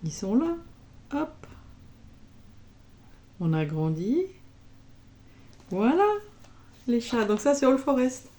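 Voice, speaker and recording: Slow, mellow-voiced woman vlogger. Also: on the high side, sing-song. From France. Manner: chatty, punctuated with little interjections. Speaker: embroidery vlogger. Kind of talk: casual show-and-tell chat.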